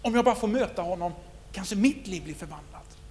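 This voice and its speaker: A man voicing a blind adult male beggar, earnest and hopeful, speaking softly in a retold scripture story. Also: high voice, expressive, long reverb tail, pitched below the performer's own voice.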